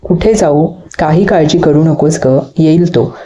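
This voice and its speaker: A woman's voice: low voice, measured pace, dark tone, dull audio. A woman reading the part of a carefree older brother who teases his younger sibling in a playful, mocking way. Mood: casual.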